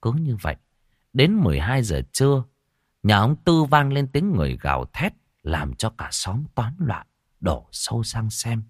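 A man narrating a spooky audio story in an expressive way, swinging between hushed and raised tones. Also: mid-range voice, a little slow, no room sound, studio quality.

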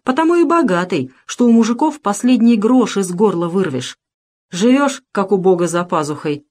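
A woman's voice: mid-range voice, animated, normal speed, a little mellow, lightly acted. A woman voicing a sullen male peasant hunter grumbling bitterly to himself.

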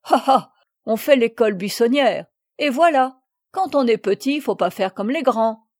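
A woman's voice: a little high, lively intonation, unhurried, darkish tone, dry recording, studio quality. A woman voicing a good-natured grown country butcher in a storybook reading, talking in a folksy, hearty way.

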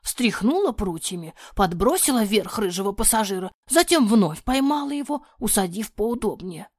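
A woman narrating a fairy-tale audiobook in an expressive voice that often drops to a breathy near-whisper. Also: medium pitch, moderate pace, no echo, clean studio sound.

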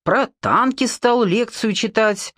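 A woman's voice: on the high side, slow pace, a bit bright, no room sound, studio quality, pitched above the performer's own voice. A woman voicing a bold, sarcastic young woman in an audiobook. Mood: defiant mocking. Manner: defiant, sarcastic.

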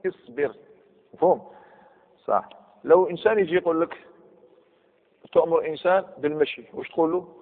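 A man with an Algerian Arabic accent teaching a grammar lesson, explaining rules step by step and quizzing his students. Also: medium pitch. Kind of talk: classroom lesson. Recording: tinny lo-fi recording in a reverberant hall.

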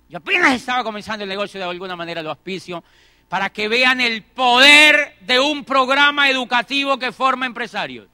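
A middle-aged man delivers a motivational talk in a very high, piercingly bright voice. He acts out both sides of conversations and repeats phrases for emphasis. The sound is dry and close. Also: no echo. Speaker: motivational speaker. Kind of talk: motivational talk with acted anecdotes.

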